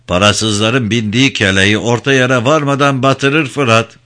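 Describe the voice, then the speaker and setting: A man voicing a gruff, cynical river ferryman in his forties who talks bluntly in a storybook reading. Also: mid-range voice, fairly even intonation, moderate pace, sharp tone, close to an everyday voice. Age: 40s.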